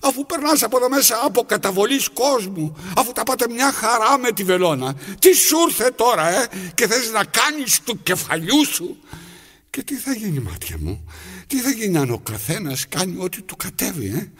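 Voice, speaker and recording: High-pitched and slightly rough, this man's voice swoops wildly up and down in a full character performance. The actor is a lonely old man mending trousers, talking to himself and his needle in a rambling theatrical monologue, coaxing and then scolding.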